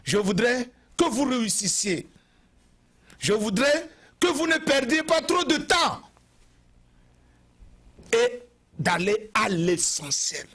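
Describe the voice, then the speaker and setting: Man, exhorting TV commentary, husky, swooping pitch. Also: big pitch swings, takes it slowly, long pauses, fairly bright tone. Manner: exhorting, preacherly, repeats phrases for emphasis. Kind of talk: impassioned televised address.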